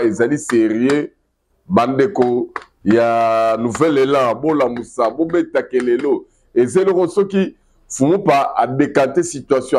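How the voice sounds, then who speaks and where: A man with a Congolese accent giving animated political news commentary, emphatic and repeating his key phrases for weight. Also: medium pitch. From Democratic Republic of the Congo. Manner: emphatic, repeats key phrases, mixes two languages freely.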